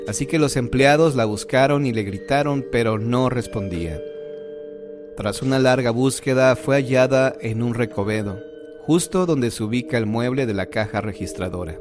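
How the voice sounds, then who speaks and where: A man tells ghost stories in a measured, scripted way. His voice sits in an ordinary middle pitch. Faint music plays quietly behind him. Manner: measured storytelling delivery. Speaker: horror story narrator. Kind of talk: scripted narration.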